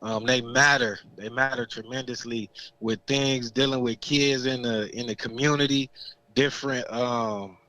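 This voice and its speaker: A young man calling in to a radio show, a coach talking in a laid-back, halting way. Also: mid-range voice, steady tone, pushed and bright, no echo, poor audio. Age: young adult. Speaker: caller, high school coach. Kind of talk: casual phone-in chat.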